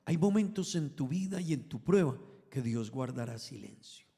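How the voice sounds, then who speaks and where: A man preaching a sermon to his congregation, emphatic, rising loud and falling soft as he calls them brothers. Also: medium pitch, expressive, normal speed, gravelly, big-room sound. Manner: emphatic, swells and drops in volume, addresses congregation as brothers.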